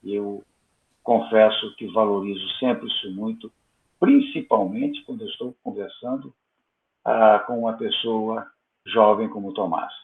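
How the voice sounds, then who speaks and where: A man hosting a conversational interview, speaking in a measured, deliberate way with pauses. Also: on the low side. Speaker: host. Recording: tinny phone-like line.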